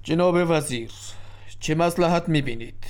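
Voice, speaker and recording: A man's voice: on the high side, a little mellow, natural voice. A man doing a shrewd commanding king. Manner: commanding, questioning. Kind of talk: storybook drama reading.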